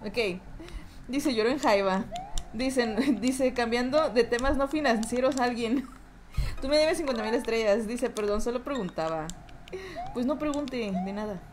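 A woman's voice: fairly high pitch, normal speed, background noise. A young woman with a Mexican accent, streaming a game and chatting with her viewers, rowdy, swearing and laughing often. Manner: rowdy, swears and laughs a lot, reads chat aloud. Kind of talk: live gameplay stream chatting with chat.

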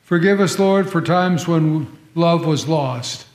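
A male pastor leads the prayers in a slow, solemn cadence, his slightly high voice ringing through the cathedral echo of a large church sanctuary. Each phrase is measured and ceremonial. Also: background noise. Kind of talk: leading a liturgy.

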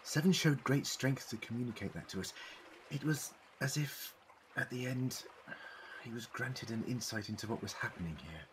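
A man's voice: mid-range voice, normal speed, a little hiss or hum, close to an everyday voice, low-quality recording. A man acting an earnest, inquisitive and apologetic time traveller in a fan-made audio drama, with a wordy, theatrical delivery. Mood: pondering.

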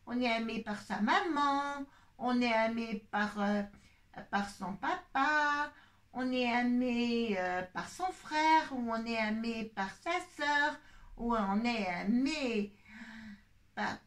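A woman puppeteer voicing a sweet, polite little boy bear in a children's puppet show, in a soft childlike voice. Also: fairly high pitch, slow pace, far from the mic. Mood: earnest.

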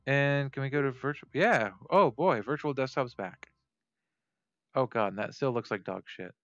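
A man's voice: medium pitch, moderate pace, fairly bright tone, no echo, muffled recording. A man streaming a game, talking casually to viewers, thinking aloud and often correcting himself mid-sentence. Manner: swears casually, talks to viewers. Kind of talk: casual let's play commentary.

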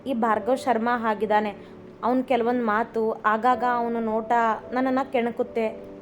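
A woman's voice: fairly high pitch, flat delivery, moderate pace, a little hiss or hum, close to an everyday voice. A woman voicing a young wife who pleads with her husband, close to tears. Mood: shy. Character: young wife, anxious and tearful, loving. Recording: slightly dull recording, faint music.

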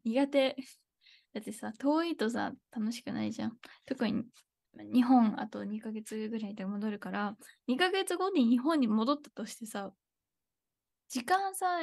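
A woman's voice: fairly high pitch, darkish tone, no room sound, studio quality. A young woman teaching Japanese in a casual live online lesson, chatty and thinking aloud, with frequent laughs.

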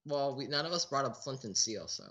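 A man's voice: medium pitch, lively intonation, fairly quick, sharp tone. A man giving casual let's play commentary, chatting in a restless way with a teammate who cannot be heard. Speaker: gaming channel host.

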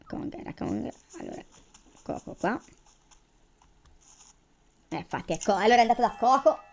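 A woman's voice: on the high side, expressive, moderate pace, creaky, darkish tone. A woman giving casual, chatty commentary on her gameplay, thinking aloud and exclaiming as she goes. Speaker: gamer.

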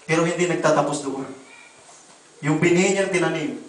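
High-voiced preacher in an echoey hall. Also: male voice, normal speed. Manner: animated, voices quoted people, addresses congregation as brother and sister. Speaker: pastor. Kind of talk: preaching sermon with testimonies. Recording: echoey room, voice from a distance.

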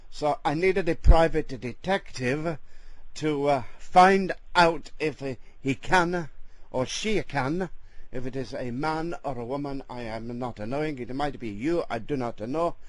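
A man's voice: fairly high pitch, no room sound, lightly acted. A man voicing a hesitant Italian ex-convict who speaks broken English with an Italian accent and many fillers. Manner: halting, full of uh fillers, broken grammar. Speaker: prank caller. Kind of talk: prank phone call in character.

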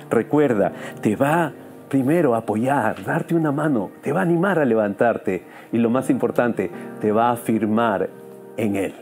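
Earnest man preaching over soft music. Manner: earnest preaching with emphatic rises and soft, low endings. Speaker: pastor. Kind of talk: sermon.

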